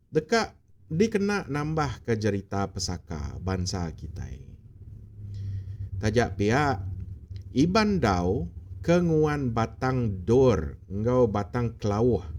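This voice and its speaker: A man from Sarawak narrating a read-aloud tale as a channel host, in a measured way, going through names one at a time. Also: medium pitch, darkish tone. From Sarawak, Malaysia.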